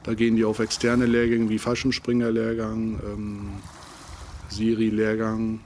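A man speaking as a military instructor in a casual podcast interview, with halting, thoughtful phrasing. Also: on the low side, monotone, a little mellow, slight background noise.

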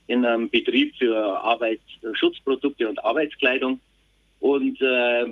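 A man in his fifties speaking haltingly as an army reservist recounting in an interview. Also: mid-range voice. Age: 50s. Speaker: army reservist sergeant, podcast guest. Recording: husky-sounding tinny phone-like line.

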